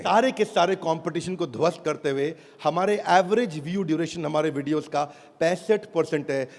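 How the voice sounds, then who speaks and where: A man giving a rousing product pitch on stage, throwing rhetorical questions at his audience. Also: a little mellow. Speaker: presenter on stage. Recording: long hall reverb.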